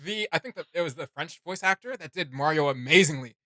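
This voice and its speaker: A man with a slightly high, expressive voice sounds pushed and bright, with no echo. He hosts casual reaction commentary, opinionated and informal, speaking emphatically and haltingly and often repeating himself.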